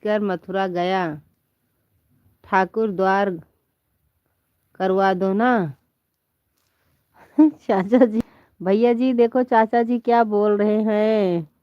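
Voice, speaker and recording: A woman's voice: mid-range voice, fairly even intonation, drawn-out words, long pauses, dry recording, muffled recording. A woman chatting playfully with viewers on a live stream from bed at home, laughing often and calling them her children. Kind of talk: casual live chat with viewers. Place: at home in bed under a quilt.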